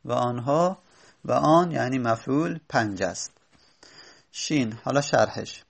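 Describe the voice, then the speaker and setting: A man's voice: medium pitch, gravelly. A man teaching a grammar lesson, explaining step by step and stopping to correct himself. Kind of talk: spoken classroom lesson.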